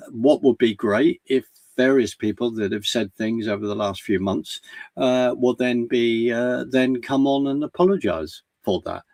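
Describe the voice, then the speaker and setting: Earnest man, halting commentary. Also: medium pitch, a little mellow, no echo. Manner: earnest, halting with many restarts. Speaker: guest commentator. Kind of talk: conversational commentary.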